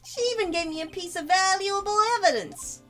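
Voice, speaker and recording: A woman voicing a gruff, blustering male police detective who keeps calling people pal, over faint music. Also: very high voice, fairly quick, fairly bright tone, voice pushed up. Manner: brash, says "pal" a lot.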